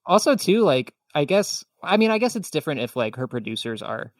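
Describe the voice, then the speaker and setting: A man's voice: a little high, big pitch swings, fairly quick, no room sound, distant mic. A man co-hosting a podcast, hesitant and circling back as he tries to make his point. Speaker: co-host. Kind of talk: casual podcast chat.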